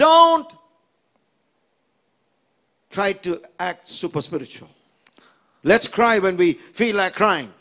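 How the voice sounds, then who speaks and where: A man preaching a sermon in short phrases, pausing for an interpreter and building to emphatic exhortation. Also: high voice, lively intonation, a bit bright. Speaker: pastor. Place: church service.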